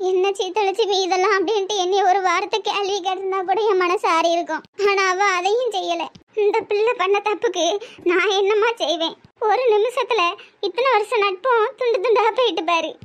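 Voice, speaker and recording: A woman's voice: very high voice, fairly quick. A woman doing a grieving old village grandmother with a Tirunelveli accent. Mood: lamenting. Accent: Tirunelveli Tamil. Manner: tearful, lamenting, reproachful. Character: grieving elderly village grandmother, tearful and self-blaming. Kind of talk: cartoon voice acting.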